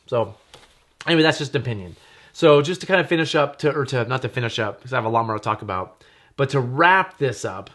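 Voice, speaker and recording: A man's voice: medium pitch, a bit bright. A man hosting a gear show, explaining his opinion in a casual way and thinking aloud with frequent restarts.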